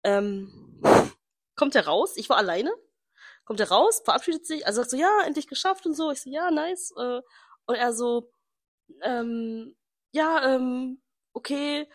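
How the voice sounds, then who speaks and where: Animated young woman telling a story. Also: a little high, a little slow, pauses often. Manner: animated storyteller, acts out quoted dialogue, laughs often. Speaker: podcast co-host. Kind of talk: casual chat.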